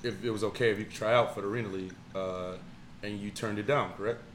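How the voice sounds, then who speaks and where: A man's voice: lowish voice, fairly even intonation, quick pace, slight background noise. A man co-hosting a podcast, chatting casually and teasing his friends with jokes and stories. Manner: joking, teasing, storytelling. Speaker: podcast co-host. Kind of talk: casual chat.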